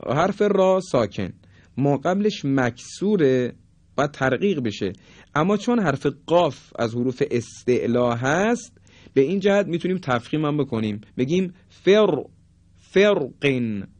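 A man's voice: on the high side, lively intonation, darkish tone, no echo. Man teaching Quran recitation rules. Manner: slow drawn-out demonstration of words. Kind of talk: tajweed lesson, explaining and demonstrating.

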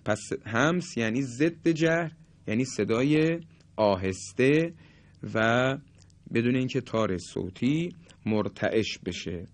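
A man teaching a lesson on how letters are pronounced, speaking deliberately and politely and sounding out examples aloud. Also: medium pitch, expressive. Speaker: Quran recitation teacher. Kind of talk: explanatory lesson on letter articulation.

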